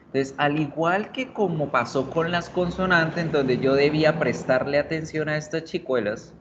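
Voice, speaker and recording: A man teaching English in Spanish, patiently repeating example words for his class. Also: medium pitch. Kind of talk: online class explaining English grammar in Spanish. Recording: dull audio with faint noise.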